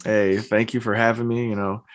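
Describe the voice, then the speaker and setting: A man's voice: fairly low pitch, normal speed. A young man, a guest on a podcast, who talks in a loose, chatty way and fills his speech with "like.". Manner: relaxed, chatty, uses lots of fillers like "like". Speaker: podcast guest, streamer and personal trainer. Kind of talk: casual interview chat. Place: home, evening.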